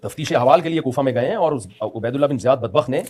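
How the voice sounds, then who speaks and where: A man's voice: mid-range voice, very fast, darkish tone. A middle-aged man with a Pakistani Urdu accent, a religious scholar answering interview questions in an emphatic, lecturing way with joking asides.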